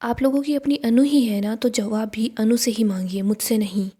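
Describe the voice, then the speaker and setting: A woman's voice: fairly high pitch, fairly even intonation, moderate pace, dark tone, slightly rough. A woman voicing a scheming, defiant middle-aged woman politician in a story recap, in an insistent, accusing way.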